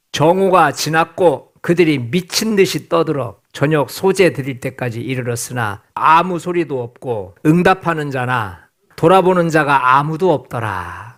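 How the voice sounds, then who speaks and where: A male pastor preaching a sermon in a church, posing questions to the congregation and answering them, stretching out key words for emphasis. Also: medium pitch. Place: church sanctuary.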